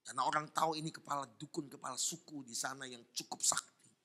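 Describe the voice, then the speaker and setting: A man preaching a fervent sermon at a church service, jumping between shouted praise and hushed asides. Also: medium pitch, steady tone, quick pace. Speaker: pastor.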